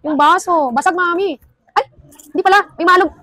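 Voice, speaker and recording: A woman's voice: very high-pitched, brisk, sharp tone, dry recording, studio quality. A woman vlogging as she unpacks a gift box, talking casually, thinking aloud and breaking into frequent little exclamations. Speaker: vlogger unboxing a gift package. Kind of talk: casual chatty unboxing vlog.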